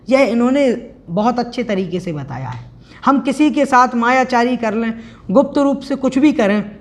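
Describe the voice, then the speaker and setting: A woman teaches a recorded scripture lesson at a patient, explanatory pace. Her voice sits a little high for a woman. She chants verses slowly and drills each pronunciation with care. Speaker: teacher of a religious scripture class.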